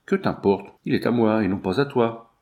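A man's voice: on the low side, normal speed, natural voice. A man voicing a cruel, haughty young bully. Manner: haughty, threatening, shouts commands. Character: cruel arrogant young man, elder brother.

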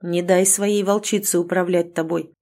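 A woman reading a calm, protective alpha werewolf husband. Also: fairly low pitch, moderate pace. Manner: quiet, even and soothing.

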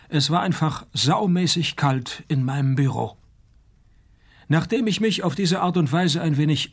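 A world-weary noir private eye in a radio crime drama. His voice is rough and fairly high for a man. He delivers wisecracks and first-person narration in a dry deadpan.

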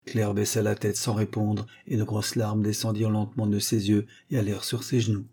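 A man calmly reading a short story aloud as narrator, in a measured way. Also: on the low side, breathy edge.

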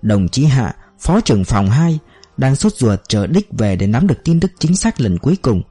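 A male audiobook narrator telling a novel in a steady manner. His pitch moves expressively and his tone is mellow. Faint music runs underneath. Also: moderate pace, husky, no room sound. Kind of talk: scripted narration.

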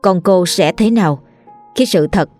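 A woman narrating a ghost story in a slow, sorrowful storytelling manner. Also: fairly low pitch, darkish tone, faint music behind.

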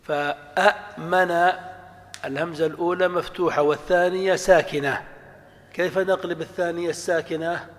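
Male lecturer with a slightly high voice, quizzing students in a reverberant lecture hall. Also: fairly even intonation, moderate pace. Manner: asks the class questions and answers them himself. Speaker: professor. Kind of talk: classroom lecture on Arabic morphology.

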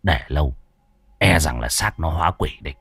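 A man's voice: rumbling low, expressive, normal speed, a bit bright, husky, dry recording, voice pushed down, full character voice. A man voicing a coarse, grumbling old male exorcist, swearing bluntly. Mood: grave. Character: gruff, crude, hungry old male exorcist.

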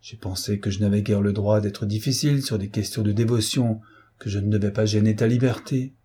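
A stern, wounded father, read by a man, curt and indignant. The voice is low-lit and mellow with a husky grain. Storybook drama reading. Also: steady tone, brisk. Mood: defensive.

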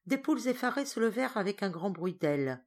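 A woman reading a short story aloud as an audiobook narrator, in a measured and expressive way. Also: mid-range voice. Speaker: audiobook reader. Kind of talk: scripted narration.

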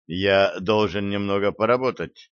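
Archer, male schemer, slow and low, quietly scheming, dull lo-fi audiobook read by a man. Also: clear, resonant tone, no room sound, lightly acted. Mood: calm scheming. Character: bitter male schemer Archer, calm and smiling.

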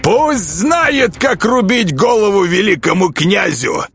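A man doing a shrill, gleeful plump villager. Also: very animated, slow, vocal fry, a bit bright, husky, no room sound, faint music behind, exaggerated voice. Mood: gleeful, vicious. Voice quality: squealing, high.

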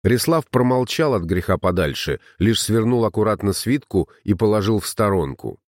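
Low-voiced male audiobook narrator. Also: animated, normal speed, no room sound, clean studio sound.

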